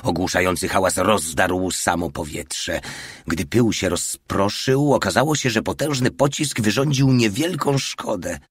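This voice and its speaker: A man narrating a war novel as an audiobook in a steady, matter-of-fact reading. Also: sits low, unhurried, breathy edge, no room sound.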